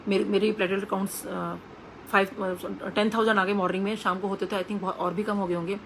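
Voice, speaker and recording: A woman's voice: mid-range voice, little pitch movement, quick pace, fairly bright tone, slight background noise, poor audio. A woman telling an earnest personal testimony to a congregation, acting out the voices of the people she quotes. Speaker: devotee sharing a testimony.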